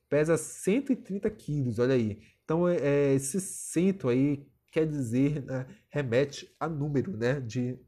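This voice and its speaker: Chatty male teacher, husky voice. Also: mid-range voice, warm tone. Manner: chatty, rhetorical questions, many tag questions. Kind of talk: recorded video lesson.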